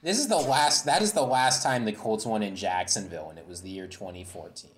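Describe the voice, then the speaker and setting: Low-voiced man telling a sports story. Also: fairly quick. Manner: builds a story with a dramatic setup. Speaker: panelist. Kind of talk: casual sports chat.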